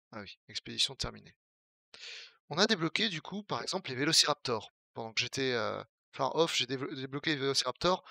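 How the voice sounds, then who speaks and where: A man's voice: mid-range voice, gravelly, sharp tone, no room sound, studio quality. A young man from the Paris region with a Parisian French accent, talking casually as a Twitch streamer while playing a game, joking and answering his chat. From Paris region, France.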